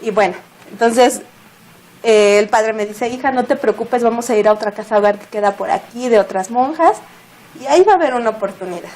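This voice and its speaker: Mexican lady guest, lively storyteller, kinda high voice, laughs a lot. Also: fairly quick. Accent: Mexican Spanish. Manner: animated, laughs often, acts out quoted people. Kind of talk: casual storytelling.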